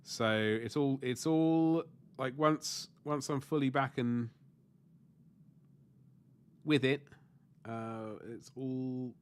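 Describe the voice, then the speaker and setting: Hosting a livestream while painting miniatures, a man with a flu-stuffed nose and sore throat casually answers viewer comments. His mid-range voice is clean, with drawn-out words and frequent pauses. He rambles, corrects himself, and swears mildly.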